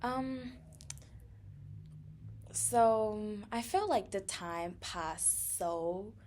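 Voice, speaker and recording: A woman's voice: mid-range voice, extremely slow, a little mellow, a little hiss or hum. A young woman from Thailand co-hosting a casual podcast, chatty and laughing often, with many fillers. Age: young adult. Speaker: podcast co-host.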